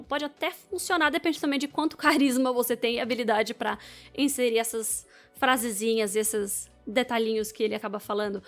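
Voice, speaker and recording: High-voiced Brazilian woman speaking coach. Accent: Brazilian Portuguese. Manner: expressive, swings between bright emphasis and quiet asides. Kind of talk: reading AI answers aloud and commenting.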